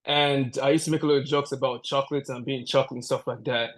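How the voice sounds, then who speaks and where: A Canadian man who is a powerlifter talks fast in a mid-range, steady voice as a guest on a podcast. It's a casual interview chat where he jokes and laughs a lot, rambling and restarting his sentences.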